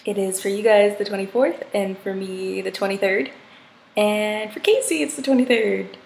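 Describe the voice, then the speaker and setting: A young woman vlogger with a medium-pitched, gravelly voice chats casually and giggles at a moderate pace on a video call, speaking into her laptop mic. The room is echoey with faint noise.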